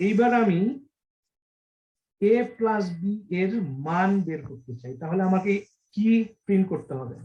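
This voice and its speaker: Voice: mid-range voice, expressive, measured pace, long pauses, a little mellow, dull audio. A programming teacher giving an online class lesson, explaining by stringing several synonyms together and often checking in with the class. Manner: asks the class frequent check questions.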